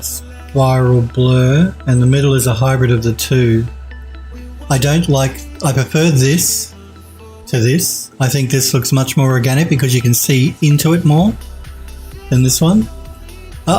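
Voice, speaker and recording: This 3D art streamer, a man in his forties, reviews viewers' pieces live from his home, sounding a little nasal because of a head cold. His voice is medium-pitched and somewhat mellow. The critique is casual and enthusiastic, full of repeated praise and restarts.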